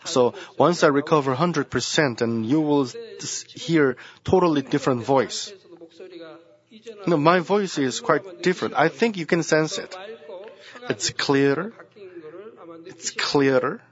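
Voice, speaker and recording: A man's voice: a little high, a little slow, lo-fi sound. A man preaching a sermon as senior pastor, earnest and repeating his key phrases.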